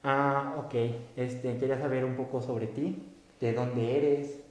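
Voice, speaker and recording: A man's voice: mid-range voice, steady tone, slow, a little mellow. A young man hosting a casual interview, asking chatty, rambling questions. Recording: roomy echo.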